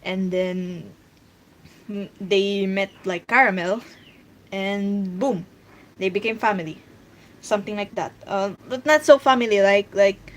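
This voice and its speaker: A woman's voice: mid-range voice, fairly even intonation, measured pace, long pauses. A woman with a Filipino accent, chatting casually while drawing on a stream and rambling with lots of fillers. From Philippines. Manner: rambling, filler-heavy, restarting thoughts aloud. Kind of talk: casual livestream chat.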